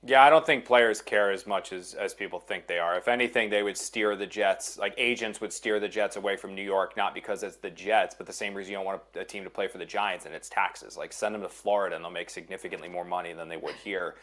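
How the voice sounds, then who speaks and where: A man's voice: deep voice, steady tone, fast, few pauses, fairly bright tone. Emphatic man talking football. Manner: emphatic, repeats phrases for stress. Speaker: NFL insider. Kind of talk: casual sports chat.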